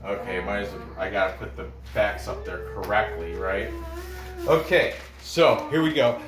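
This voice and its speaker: In an echoey, noisy room with music in the background, a host with a low voice offers fight betting picks at a moderate pace. Born in Korea and raised in New York, they ramble casually and keep breaking into their own sentences.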